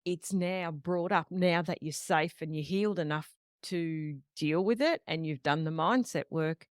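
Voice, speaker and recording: A woman's voice: sits low, measured pace, clear, resonant tone, dry recording, clean studio sound. A woman hosting a podcast interview, affirming and summarizing her guest's words. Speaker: podcast host. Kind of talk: supportive interview.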